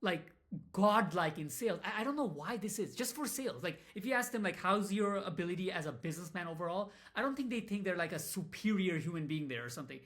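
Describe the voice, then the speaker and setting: A man with a somewhat high voice rambles through a casual vlog about his business. He speaks candidly and swears freely, often running himself down. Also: sing-song, quick pace, a bit bright. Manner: rambling, candid, profane, self-deprecating. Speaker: small business owner vlogging.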